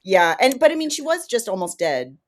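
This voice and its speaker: A woman from Canada co-hosting a podcast, chatting casually and joking with loud laughs. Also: fairly high pitch, brisk. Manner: animated, jokey, laughs loudly. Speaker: podcast co-host. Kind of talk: casual chat.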